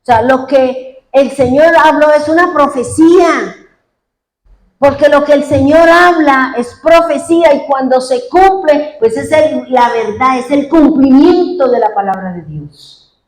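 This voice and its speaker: With a high-pitched voice and a slightly slow delivery, a woman pastor preaches a fervent sermon. She retells what congregants told her and prays aloud along the way. The recording has an echoey room sound.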